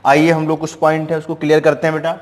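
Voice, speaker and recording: Male chemistry teacher, high voice, patient step-by-step lecture with rhetorical questions, recorded in a reverberant room. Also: monotone, quick pace. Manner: explains step by step, keeps asking rhetorical questions and calling students "beta". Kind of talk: classroom lecture.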